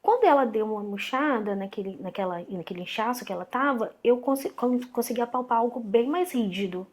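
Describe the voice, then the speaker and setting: A woman's voice: fairly high pitch, brisk. A woman in her thirties with a Brazilian Portuguese accent, a guest telling a personal story in conversation, acting out the dialogue she recounts and often restarting her sentences. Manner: animated, acts out quoted dialogue, frequent restarts.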